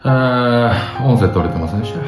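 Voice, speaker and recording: A man's voice: mid-range voice, brisk, reverberant, over music. A man with a Kansai accent co-hosting a casual comedy radio show, reading listener mail and teasing his partner. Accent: Kansai Japanese. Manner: teasing, animated banter with sudden loud jumps.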